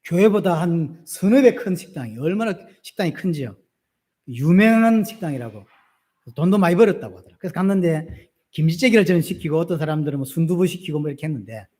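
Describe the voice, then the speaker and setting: Lively, high-voiced Gyeongsang pastor preaching. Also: male voice. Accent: Gyeongsang Korean. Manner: animated, asks the congregation questions and answers them himself. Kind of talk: sermon.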